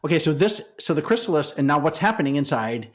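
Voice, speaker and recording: A man's voice: fairly high pitch, animated, quick pace. A man hosting a podcast, asking curious questions and repeating words as he talks. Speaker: podcast host. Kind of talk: casual conversation.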